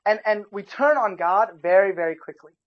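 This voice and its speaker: A man giving an informal sermon as a youth pastor, chatting casually with his listeners and adding animated asides. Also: high voice, moderate pace. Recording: dull lo-fi recording.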